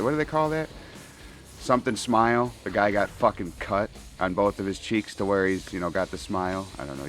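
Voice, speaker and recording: A man's voice: fairly low pitch, fairly bright tone. A man rambling casually and profanely while playing a shooter game, laughing often, at a home gaming setup with faint game music behind him. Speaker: gaming commentator.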